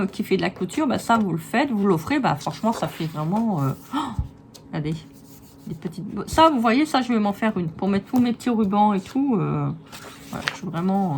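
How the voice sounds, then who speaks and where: A woman's voice: medium pitch, a little hiss or hum. A woman chatting enthusiastically in a casual crafts haul video, with many fillers and restarts. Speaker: crafts vlogger.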